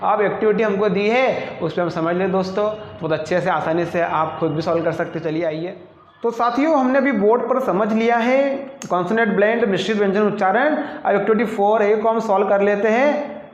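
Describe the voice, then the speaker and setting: A man with a high voice teaching a class, putting a question to the students and then giving the answer himself. The sound is echoey and dull, as if recorded in a bare room on cheap gear. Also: a little fast. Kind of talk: classroom lesson. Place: classroom with a board.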